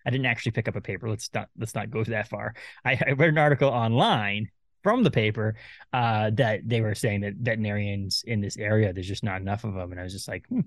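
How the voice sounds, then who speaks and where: Fast-talking man, laughing host. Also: on the low side, dry recording, studio quality. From Maine. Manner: rambling, laughs often. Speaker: podcast host. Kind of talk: casual chat.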